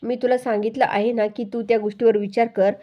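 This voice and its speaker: A woman's voice: a little high, little pitch movement, fairly quick, highs cut off, natural voice. A woman reading a teasing mother. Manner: teasing, affectionate, read out plainly. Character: teasing mother-in-law, matchmaking and amused.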